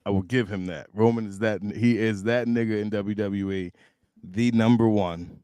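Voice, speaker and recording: A man in a casual group chat, animated and blunt, joking and swearing with his friends. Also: lowish voice, normal speed, clear, resonant tone, no room sound. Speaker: co-host and wrestling fan.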